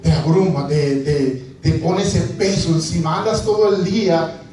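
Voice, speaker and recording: Captured from far off in an echoey church hall, a man with a slightly high, somewhat mellow voice delivers an unhurried sermon over faint music. He questions his congregation and dramatizes scripture scenes.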